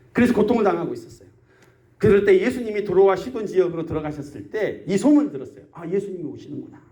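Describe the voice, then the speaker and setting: A man's voice: sits high, warm tone. A man preaching a sermon as pastor of a rural church, often asking the congregation questions. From South Korea.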